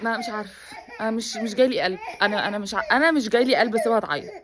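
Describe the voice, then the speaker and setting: Tearful fast-talking Egyptian woman. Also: on the high side, a loud crowd. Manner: tearful, pleading, talks fast with repeats. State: crying on and off. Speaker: vlogger mother. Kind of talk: emotional personal vlog.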